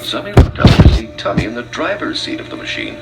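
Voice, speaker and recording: A man narrates a scripted read-along children's story with dramatic delivery, music playing under his voice. His mid-range voice swings hugely in pitch, carries vocal fry, and moves fast.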